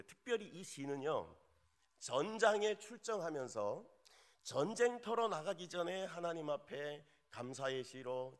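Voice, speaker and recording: A male associate pastor preaching a sermon, joking with the congregation in an animated way. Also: mid-range voice.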